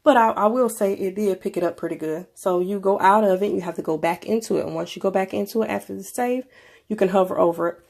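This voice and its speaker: A woman's voice: medium pitch, quick pace, gravelly, darkish tone. A woman with a stuffy nose from a cold, presenting a casual tech review in an informal, conversational way. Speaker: video presenter.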